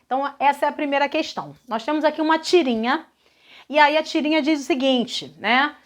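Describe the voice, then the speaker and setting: A Brazilian woman with a high voice teaches a recorded grammar lesson, working through exercises one by one. She explains patiently and keeps checking that her students follow along. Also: a little fast. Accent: Brazilian Portuguese. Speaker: Portuguese teacher.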